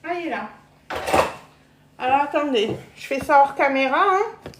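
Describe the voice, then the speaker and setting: A talkative woman with a high, animated voice cooks live for viewers in her home kitchen, where the room gives her speech a roomy echo. She keeps a moderate pace, laughs readily, and trips over and repeats her words, with background noise audible.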